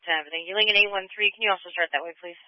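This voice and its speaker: A man's voice: sits high, steady tone, very fast. A male emergency dispatcher heard over a two-way radio, giving clipped calls full of radio codes. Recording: dull, dry radio transmission.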